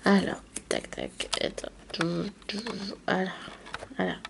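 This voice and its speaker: A woman's voice: takes it slowly, slight background noise. A woman chatting unscripted through a card-opening vlog, talking straight to her viewers. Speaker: YouTuber opening trading card packs.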